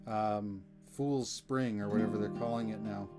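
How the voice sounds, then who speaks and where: A man's voice: on the low side, steady tone, normal speed. A man hosting a music live stream, chatting casually between songs in an easygoing, rambling way with self-deprecating jokes. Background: acoustic guitar.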